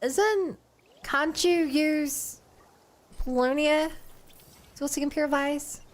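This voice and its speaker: A woman's voice: high-pitched, slow. A woman game streamer giving casual, playful live commentary and reacting aloud.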